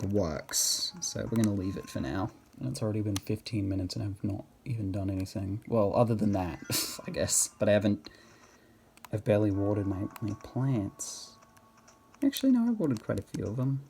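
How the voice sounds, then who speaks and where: A man's voice: lowish voice, expressive, normal speed, gravelly, a little mellow, a little hiss or hum. A man giving casual, rambling game commentary, thinking aloud and often questioning himself in a hesitant way. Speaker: gamer narrating own gameplay.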